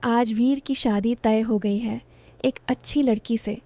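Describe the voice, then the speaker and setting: A young woman narrating an emotional first-person story in a soft, heartfelt, confiding way. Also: a little high, steady tone, unhurried, dry recording.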